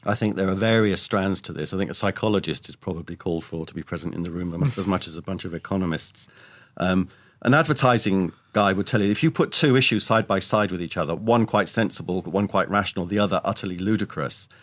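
A man with a deep voice and a close, dry sound gives interview commentary. He speaks emphatically and with firm opinions. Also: fast, no room sound. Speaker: economics columnist, podcast guest.

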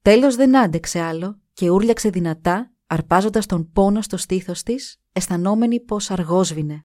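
A woman narrating a scripted story in a measured, expressive reading voice. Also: medium pitch, no room sound, clean studio sound.

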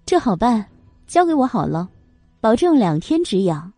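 A woman voicing a calm, mocking young female doctor in an audiobook. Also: fairly high pitch, moderate pace, dry recording, soft background music. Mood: teasing. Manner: light, teasing, cool.

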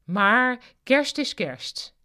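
A reader voicing a chatty female coworker who calls out loudly and cheerfully. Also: lowish voice, moderate pace, close to an everyday voice.

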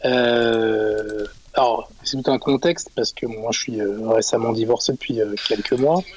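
A man in his forties calling in to a radio show, talking in a halting way with many pauses and fillers. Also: mid-range voice, fairly even intonation, no echo, rough recording. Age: 40s. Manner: hesitant, halting, frequent fillers. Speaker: caller. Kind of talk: radio call-in chat.

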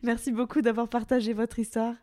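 A woman hosts a relaxed podcast interview. She speaks softly, mostly in short affirming replies, and now and then asks a guest a question. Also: fairly high pitch, brisk, no echo. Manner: brief encouraging backchannels, soft-spoken. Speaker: podcast host.

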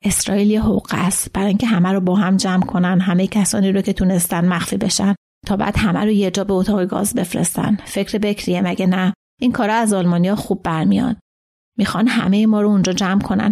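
A woman voicing a terrified, paranoid older man in hiding, who speaks with a slow, sly certainty in a storybook reading. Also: medium pitch, vocal fry, a little mellow, lightly acted. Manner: frightened, then slyly certain.

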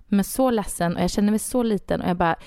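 A woman author, a guest, telling a personal story in a casual, animated way, full of fillers and restarts. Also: mid-range voice, smooth, dry recording, clean studio sound. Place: Stockholm studio.

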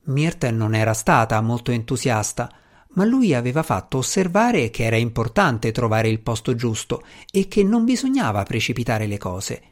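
A man narrating an audiobook chapter in a measured, even reading voice. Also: medium pitch. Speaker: audiobook reader.

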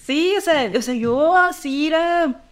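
A woman's voice: high voice, measured pace. A young woman from Sinaloa, a writer chatting as a podcast guest, candid and self-mocking. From Sinaloa, Mexico. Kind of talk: casual chat.

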